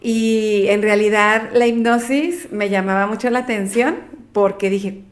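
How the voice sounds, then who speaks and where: She is a middle-aged woman with a Mexican accent, speaking as a guest in a relaxed interview. Her voice sits at an ordinary pitch for a woman. She talks things through out loud, counts on the fly and now and then stumbles over a word. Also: unhurried. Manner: chatty, counts aloud, trips over words. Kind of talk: casual interview talk.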